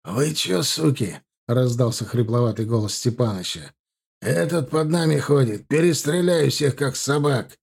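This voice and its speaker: A man voicing a blunt elderly man with a raspy voice. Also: mid-range voice, a little slow, heavily acted. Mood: threatening. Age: older. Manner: blunt and rough, calmly reassuring.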